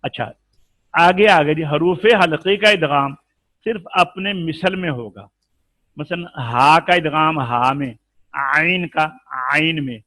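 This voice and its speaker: Bright-voiced man teaching Quran recitation. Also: on the high side, no echo. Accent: Urdu. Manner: explains patiently, then chants examples slowly. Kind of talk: live tajweed lesson with recited examples.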